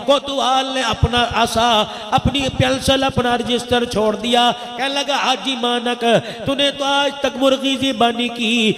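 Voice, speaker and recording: A man's voice: very high voice, steady tone, unhurried, hardly any pauses, fairly bright tone. A man preaching a sermon, telling a story with an impassioned, chanting cadence. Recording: echoey hall with long reverb.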